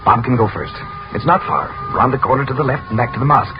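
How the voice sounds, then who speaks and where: Ask: Give me a steady adventurer uncle on AM radio. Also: male voice, medium pitch, fast. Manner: steady, commanding. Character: calm protective adult uncle, an adventurer. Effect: old AM radio broadcast sound. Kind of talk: 1930s radio drama acting. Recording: muffled vintage radio recording with music.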